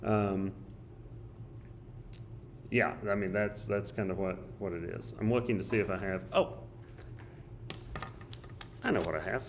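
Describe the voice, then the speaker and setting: A man teaching with a somewhat low, slightly hoarse voice. He talks casually and thinks aloud while he draws and writes. A faint hiss sits under the recording. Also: unhurried, long pauses. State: hoarse, coughing. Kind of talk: recorded study guide walkthrough.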